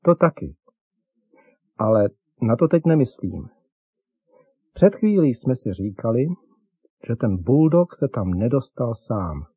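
A gentle, kindly father in a children's radio story speaks to his boys in a soft, instructive tone, as a man narrator puts him on. His voice is slightly husky, and the recording is dull and dry. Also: medium pitch, very animated, pauses often, no room sound. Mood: teaching.

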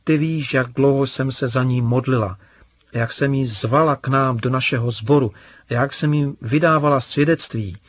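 A man's voice: medium pitch, no room sound, close to an everyday voice. A man voicing an indignant, hurt young girl who talks in a complaining, sulky way.

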